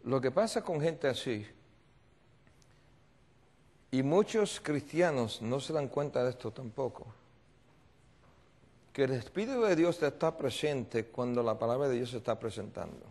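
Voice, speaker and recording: A man's voice: mid-range voice, lively intonation, a little slow, long pauses, darkish tone. A male pastor preaching a seminar sermon, telling a story and repeatedly quizzing his audience with call-and-response questions. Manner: storytelling with acted voices.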